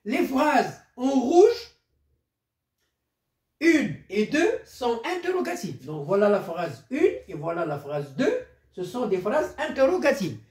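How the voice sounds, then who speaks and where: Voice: medium pitch, wildly swooping pitch, slow pace, a little mellow, roomy sound. A primary school teacher explaining a grammar lesson step by step and repeating key phrases.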